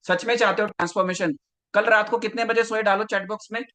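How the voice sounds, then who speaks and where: A male health coach runs a live online class, speaking straight to his viewers and calling out their names from the chat. His voice sits high and sounds bright and forceful. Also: steady tone, fast talker.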